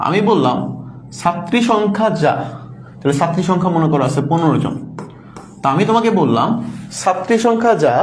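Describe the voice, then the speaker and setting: A man's voice: high voice, darkish tone. Guy teaching math online, patient, asks the class questions, echoey room, faint hum behind. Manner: patient, repeats and quizzes the class; mixes in English words.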